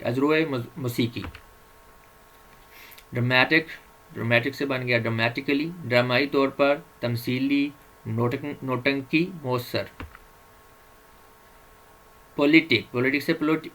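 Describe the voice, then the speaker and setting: A man's voice: medium pitch, pushed and bright, rough recording. A man teaching English vocabulary, reading word lists aloud and glossing each word with its meanings, with small fillers and self-corrections. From Pakistan. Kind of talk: slide-based vocabulary lecture.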